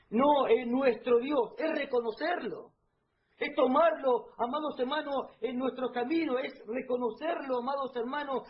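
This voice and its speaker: A man preaching a fervent sermon at a church service, swinging between hushed lines and loud emphasis and often calling out to his beloved brothers. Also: very high-pitched, highs cut off, a little hiss or hum.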